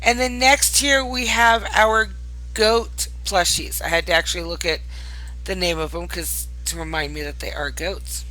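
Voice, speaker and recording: Tired late at night, a woman hosts a casual showcase of new items in a virtual game world, gushing fondly over the cute things. Her voice is on the low side and sharp, steady in tone at a moderate pace. The recording is low quality, with faint music behind her.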